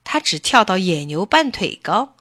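A woman tells a children's story in a slow, clear, expressive way. Her voice is bright and lively in pitch. The recording is dry and close. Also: dry recording. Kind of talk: storybook narration.

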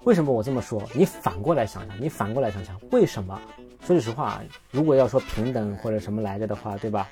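Casting note: male podcast host, mellow low-key tone, chatty and rambling, faint music underneath. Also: expressive, quick pace. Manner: rambling, self-correcting, looks things up mid-talk. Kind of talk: casual solo podcast chat.

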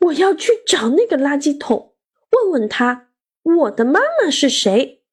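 A woman doing a high, huffy little kid. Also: normal speed, darkish tone. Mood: determined. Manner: high, childish and emphatic. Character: small child, hurt and stubborn.

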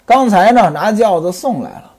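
A man's voice: high-pitched, animated, moderate pace, a little mellow, breathy edge, full character voice. A man voicing a glib, sly young man spinning a made-up story, in a storyteller's tale.

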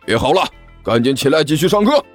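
A man's voice: mid-range voice, very animated, moderate pace, faint music behind. A man voicing a short-tempered male math teacher who scolds and barks questions. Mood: scolding. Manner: scolding, barking.

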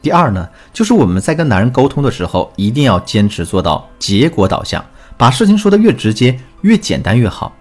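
A man's voice: medium pitch, very animated, brisk, few pauses, darkish tone. A man teaching as a relationship coach, telling a student's story in a scripted lesson and speaking directly to the listener. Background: faint background music.

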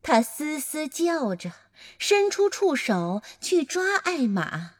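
Playful woman storyteller for a children's story, high and lively, unhurried. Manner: animated, playful.

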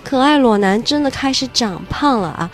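Woman teacher, English pronunciation drills, slow careful repetition, faint music behind. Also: on the high side, lively intonation. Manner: explains slowly, drills pronunciation word by word. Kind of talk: spoken English lesson.

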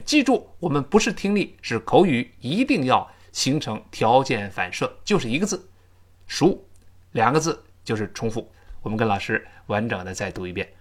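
An English teacher, explaining pronunciation and leading slow repeat-after-me drills. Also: medium pitch. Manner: slow, exaggerated modelling of English phrases between explanations.

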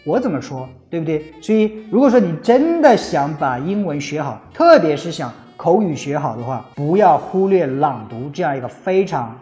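A man's voice: a little high, big pitch swings, normal speed, hardly any pauses, dark tone. A middle-aged man from China giving earnest, casual advice on learning English, often slipping English phrases into his talk. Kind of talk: casual spoken lesson. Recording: faint music behind.

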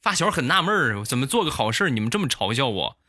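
Lively male comedy storyteller. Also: medium pitch, quick pace, no echo, clean studio sound. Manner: lively, acts out every voice. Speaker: comedy host. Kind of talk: comic storytelling.

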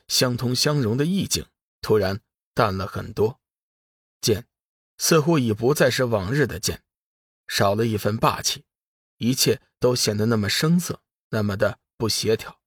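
A man narrating a serialized fantasy novel with a steady storytelling delivery. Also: medium pitch, normal speed, husky, dry recording, studio quality.

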